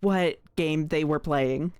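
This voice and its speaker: A woman's voice: deep voice, slow pace, clean tone, no echo. A woman streamer giving casual, giggly commentary while playing a story game. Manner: giggly, animated.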